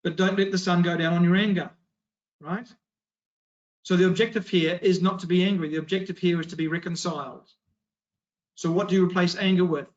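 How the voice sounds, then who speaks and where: A man's voice: sits high, fairly even intonation, fairly quick, pauses often. A man delivers a Bible study in a slightly raised register. His delivery is emphatic, built on rhetorical questions and firm answers. The recording sounds dull and lo-fi.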